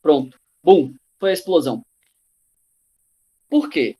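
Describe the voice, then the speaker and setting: Quick, high-voiced teacher. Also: male voice, lively intonation, a little mellow. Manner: casual and slangy, acts out quotes. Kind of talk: live online class. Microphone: video call.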